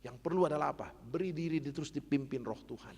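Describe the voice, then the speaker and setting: A man preaching a sermon as pastor, earnest and exhortative, sometimes dropping to soft asides. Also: fairly high pitch, quick pace, vocal fry, slightly rough. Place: church. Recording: echoey church hall.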